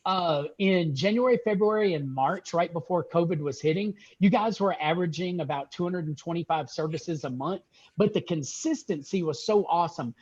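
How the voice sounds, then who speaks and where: A man's voice: fairly high pitch, normal speed. A man on a video call, reviewing a store's sales numbers and praising the team in an upbeat way. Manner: upbeat, praising, fills with uh and restarts. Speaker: regional sales manager. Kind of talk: video call business check-in. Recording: dull lo-fi call audio.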